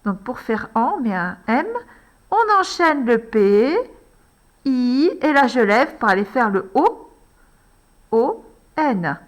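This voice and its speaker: Slow, sing-song teacher spelling letters. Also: female voice, fairly high pitch, sing-song. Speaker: primary school teacher. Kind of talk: handwriting lesson for young children.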